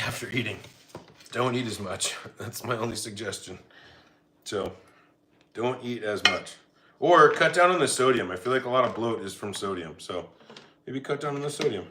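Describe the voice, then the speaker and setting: With some background noise in the mix, a middle-aged man speaks in a fairly low voice. He's casually hosting a livestream from home as he feeds his dogs, reading out chat and laughing easily.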